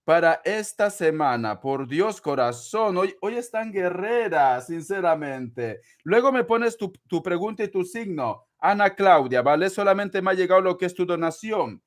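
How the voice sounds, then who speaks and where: A man's voice: high voice, expressive, measured pace, hardly any pauses. A man in his forties, a tarot reader on a live stream, reading out viewer donations in a theatrical, gushing way and calling them sweetheart. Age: 40s.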